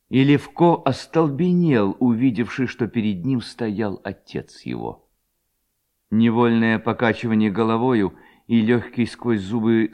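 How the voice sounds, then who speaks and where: Male narrator, theatrical classic-story audiobook reading, animated pitch.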